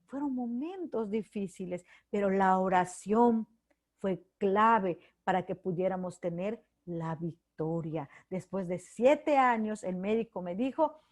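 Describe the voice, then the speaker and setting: A woman's voice: mid-range voice, animated, measured pace, a little mellow. A middle-aged woman giving a heartfelt devotional sermon, sharing personal testimony in an earnest way. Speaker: preacher.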